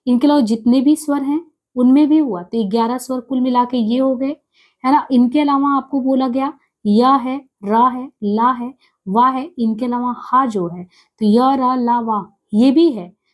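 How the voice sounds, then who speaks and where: A woman teaching an exam-prep grammar lesson, explaining step by step and repeating each sound and letter slowly. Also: sits high, darkish tone.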